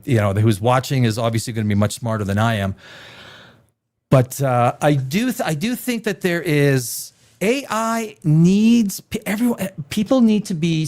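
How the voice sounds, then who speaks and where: A man's voice: medium pitch, a little mellow. A man in his fifties hosting a live stream, talking in a rambling, opinionated way with many restarts while reading viewer comments. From born in Czechoslovakia, raised elsewhere. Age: 50s. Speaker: live show host reading chat.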